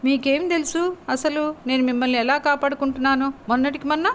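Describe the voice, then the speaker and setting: A woman's voice: high-pitched, steady tone, fast talker, a little hiss or hum, pitched above the performer's own voice, lightly acted. A woman voicing a sweet-talking, teasing young wife in a spoken story, her tone sugary and mock-pleading. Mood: coaxing, pleading.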